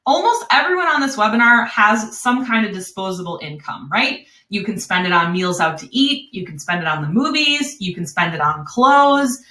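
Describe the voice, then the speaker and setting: A woman with a Wisconsin accent hosting a live webinar, pitching an online course in an upbeat, chatty way with frequent laughs. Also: animated, moderate pace, few pauses, bright, forceful tone, reverberant.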